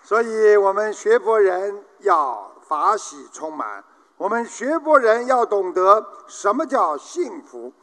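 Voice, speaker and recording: A man giving a Buddhist sermon, speaking in a slow, measured way. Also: high-pitched, very animated, a bit bright, long reverb tail. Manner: slow, measured preaching, acting out joke characters. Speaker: Buddhist preacher. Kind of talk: sermon with jokes.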